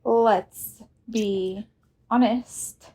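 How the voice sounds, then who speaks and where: Brief: woman in her thirties, slightly high pitch, slow and laid-back, casual co-host. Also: fairly even intonation, dark tone. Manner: casual, filler-heavy talk. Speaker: podcast co-host, makeup entrepreneur. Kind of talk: casual podcast chat.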